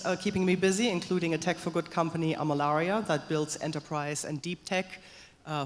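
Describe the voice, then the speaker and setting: A woman with a German accent, a bit under the weather, introducing herself lively as a panelist on a conference stage. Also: deep voice. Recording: reverberant conference hall.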